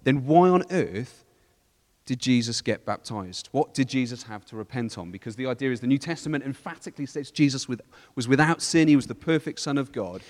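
A man from a church team explaining Bible passages in a relaxed discussion, often restarting phrases and quoting scripture. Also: mid-range voice, brisk, big-room sound. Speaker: church leader. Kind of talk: casual Bible study discussion.

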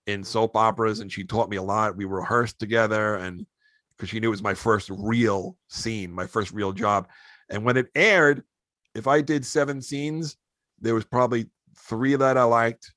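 A man who hosts a podcast, telling animated show-business anecdotes in a casual way. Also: fairly low pitch, dry recording. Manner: animated anecdotes, acts out quoted voices. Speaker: podcast host and actor. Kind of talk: casual storytelling.

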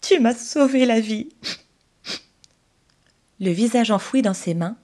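A woman narrating a children's storybook in an expressive, dramatic way. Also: fairly low pitch. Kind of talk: storybook reading.

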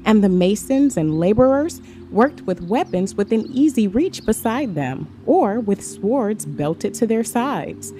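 A woman giving a measured, steady scripted Bible reading. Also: mid-range voice, slight background noise. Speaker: scripture reader. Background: faint background music.

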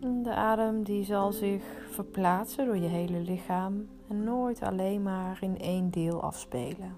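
A woman leading a guided meditation, giving soothing, unhurried instructions with pauses. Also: mid-range voice, music in the background.

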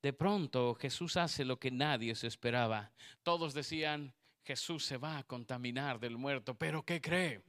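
A man preaching a sermon, swinging from soft, low storytelling to loud, emphatic declarations. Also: moderate pace. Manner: tells a personal story with quoted dialogue.

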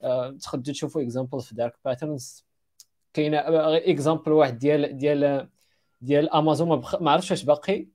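A man's voice: a little high, rapid-fire, a little mellow. A man with a Moroccan accent in a casual talk, hesitating and repeating words as he searches, mixing in English and French terms. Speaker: panel participant sharing recommendations. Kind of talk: casual talk about design resources.

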